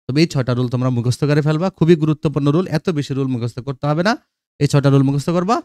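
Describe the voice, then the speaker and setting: A man teaching a grammar lesson to students, often checking with "okay?" and reading English examples out slowly. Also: on the high side, a little mellow, no echo, clean studio sound.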